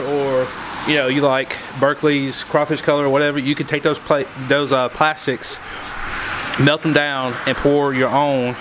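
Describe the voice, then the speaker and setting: A man's voice: fairly high pitch, background noise. A man casually showing his homemade fishing lures at a workbench, talking in a rambling way with lots of ums and restarts. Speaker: fishing lure maker showing his baits. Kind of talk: casual how-to vlog. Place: workbench in a workshop.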